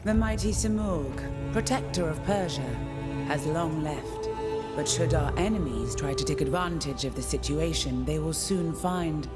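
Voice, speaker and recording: A woman's voice: low voice, a little slow, over loud music. A woman playing a regal, solemn queen of Persia in a video game, speaking in a stately, ceremonial manner. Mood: solemn, commanding. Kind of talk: dramatic video game acting.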